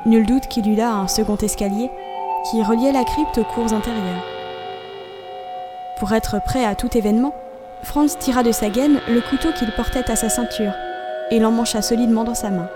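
A woman narrating a classic novel as an audiobook, in a measured, expressive storytelling voice over a music bed. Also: a little high.

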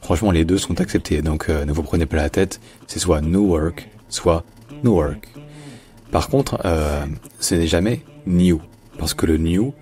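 A man giving a patient pronunciation lesson, slowing down to model each word. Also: low-pitched, darkish tone. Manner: patient, slows down to model words. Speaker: pronunciation teacher. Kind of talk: explanatory lesson.

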